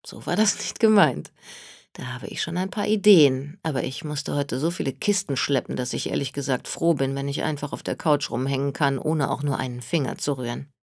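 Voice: mid-range voice, fairly quick, creaky, no echo, studio quality. A reader voicing a tired, easygoing man who speaks apologetically. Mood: weary. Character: worn-out bearded man, easygoing. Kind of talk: audiobook reading.

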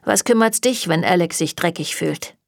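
A woman's voice: fairly low pitch, normal speed, creaky, no echo. A woman reading a German audiobook, voicing a sardonic, evasive male warlock who answers with dry mockery. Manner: dry and mocking.

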